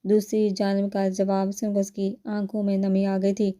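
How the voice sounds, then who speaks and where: A woman narrates a romance novel aloud in a steady storytelling manner. Her voice is deep-toned and mellow, with no brightness at all, set at an ordinary middle pitch. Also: clean tone. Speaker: novel reader.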